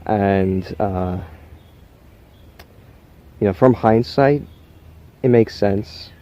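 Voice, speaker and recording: Man playing a slow, halting, unhinged killer. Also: lowish voice, warm tone, muffled recording. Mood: wistful, halting. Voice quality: trouble pronouncing R's. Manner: halting, rambling, stammering, with odd chuckles. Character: unhinged, socially awkward male killer confessing to camera.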